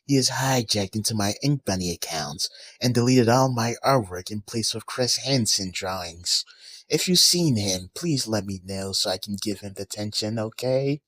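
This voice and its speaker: A man's voice: on the low side, expressive, moderate pace, fairly bright tone, dry recording. A man voicing a creepy, needy male teacher in an overacted anime fan dub. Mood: creepily polite. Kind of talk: abridged fan dub acting.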